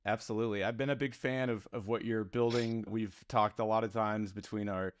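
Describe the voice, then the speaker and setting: A man's voice: lowish voice, steady tone, brisk, slight background noise. A man hosting a podcast, introducing his guest in an upbeat, friendly way. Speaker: podcast host.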